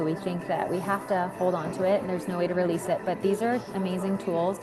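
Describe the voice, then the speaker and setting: A woman's voice: on the low side, rough recording. A woman hosting a casual online class who explains steps plainly, with some filler words. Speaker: class host.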